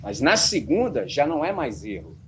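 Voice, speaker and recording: A man's voice: a little high, normal speed, a little hiss or hum. A man preaching a sermon as a pastor, with a Brazilian Portuguese accent, talking colloquially, often asking "entendeu?" and mimicking voices as he tells stories. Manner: animated storytelling with mimicked voices.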